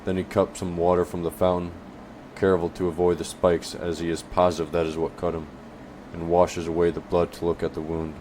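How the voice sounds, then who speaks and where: A man reading a fantasy novel aloud as an audiobook narrator, measured with occasional self-corrections. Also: deep voice, completely flat delivery, a little mellow, a little hiss or hum.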